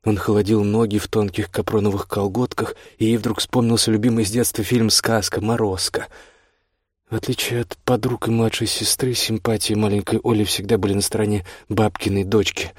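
A man's voice: lowish voice, flat delivery, fairly quick, few pauses, slightly rough, dry recording. Man reading an audiobook, dry close sound. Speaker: audiobook narrator. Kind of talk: audiobook narration.

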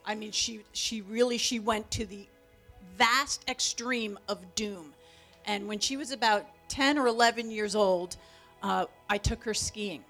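A middle-aged woman telling a long story about her daughter in a lively, animated way, acting out quotes. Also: a little slow, soft background music. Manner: animated, acts out quotes with big pitch jumps. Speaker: co-speaker, mother of the other speaker. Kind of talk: storytelling talk.

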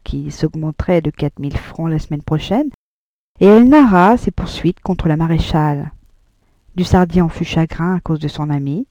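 A woman reading a classic novel aloud as an audiobook narrator, in a measured, even way. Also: low-pitched, dry recording. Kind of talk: scripted literary narration. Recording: dull lo-fi audio, dry.

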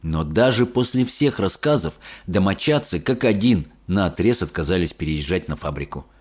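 A man reading a children's story aloud as an expressive audiobook narrator. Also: low voice, normal speed.

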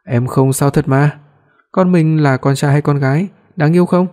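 Picture a man reading aloud as a clingy, playful young wife in an audiobook story, her voice a touch higher and softly mellow. She pleads and pouts, always a little sulky. The tone stays warm rather than bright. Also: fairly even intonation, normal speed, close to an everyday voice. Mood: tender.

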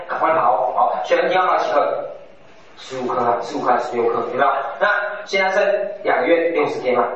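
A man's voice: mid-range voice, a bit bright, far from the mic. A young man tutoring law exam students, drilling them with repeated rhetorical questions. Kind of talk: exam-prep lecture. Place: classroom. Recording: echoey dull classroom recording from afar.

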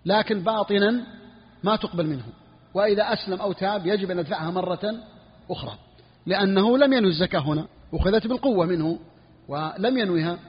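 A man's voice: high-pitched, fast. A man teaching a religious jurisprudence lesson, explaining a text and repeating each point for his students. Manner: repeats key phrases, asks students if clear. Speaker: sheikh teaching Hanbali jurisprudence. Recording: lo-fi, long reverb hall.

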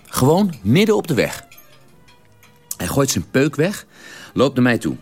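A man in a radio drama telling a long, detailed story at the dinner table in a measured, drily precise way. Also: mid-range voice, wildly swooping pitch, husky, soft background music, full character voice. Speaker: character telling an anecdote at a family dinner.

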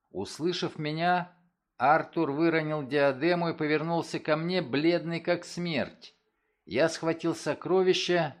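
A man reading a first-person story aloud, with dramatic, expressive delivery. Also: fairly high pitch. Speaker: audiobook narrator. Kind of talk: first-person scripted narration.

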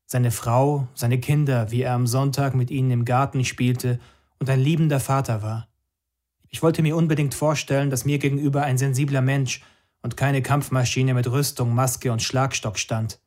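Man, first-person narration, measured and somber, unhurried. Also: medium pitch, fairly even intonation, darkish tone.

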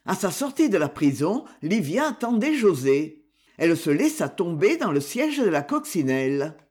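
Man, audiobook narration, measured storytelling, lively swinging pitch. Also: husky. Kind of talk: literary novel reading.

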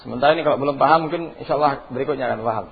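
A man's voice: medium pitch, racing, creaky, husky. A man teaching Quranic recitation rules, asking his class questions and chanting the examples in between. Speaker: tajwid teacher. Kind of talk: classroom lesson with questions to students. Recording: dull lo-fi classroom tape.

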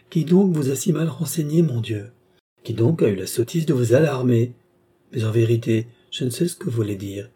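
A man's voice: medium pitch, warm tone, slightly rough. A man voicing a frail, nervous young noblewoman in an audiobook, talking in a breathless, insistent way. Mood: protesting. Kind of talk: audiobook character reading.

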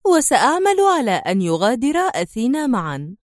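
A woman voicing a scheming female enemy agent in an audiobook, speaking in a sharp, mocking, defiant way. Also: on the high side, very animated, fairly quick, dry recording, clean studio sound. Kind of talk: audiobook character voice.

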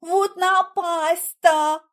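An excitable young woman , voiced by a female narrator, speaks high and loud, her words stretched out and pleading. She sounds high-strung and frightened. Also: takes it slowly. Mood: agitated.

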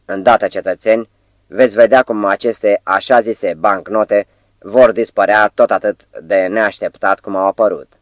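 A man's voice: on the low side, fairly even intonation, no echo, close to an everyday voice. Man doing a nervous showman compere. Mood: forced confident. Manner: sonorous, showman-like address. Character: nervous male stage compere forcing confidence.

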